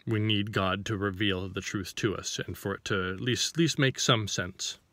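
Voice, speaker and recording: Man, informal preacher, low and bright-edged, dry close sound, questioning style. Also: normal speed, dry recording. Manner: reads scripture then explains it, asking rhetorical questions; searching for words, with frequent restarts. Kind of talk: informal sermon to camera.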